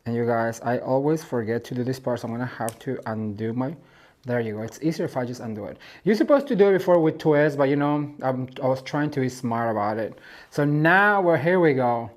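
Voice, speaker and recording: A man's voice: medium pitch, expressive, a little fast. A man from Mexico hosting a home decor channel, talking viewers through a DIY craft tutorial in a chatty, gushing way and calling them "you guys".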